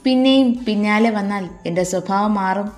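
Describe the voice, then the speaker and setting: A woman's voice: mid-range voice, normal speed, darkish tone, lightly acted. A woman storyteller voicing a harsh, scornful young village man who speaks curtly. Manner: curt, contemptuous.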